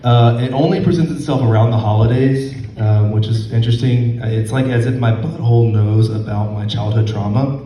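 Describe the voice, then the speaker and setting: A young man doing a stand-up set, hoarse as he loses his voice, halting and full of ums with a self-deprecating tone. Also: medium pitch, steady tone, dark tone, a little hiss or hum. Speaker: stand-up comedian. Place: comedy club stage. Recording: roomy, distant, dull lo-fi recording.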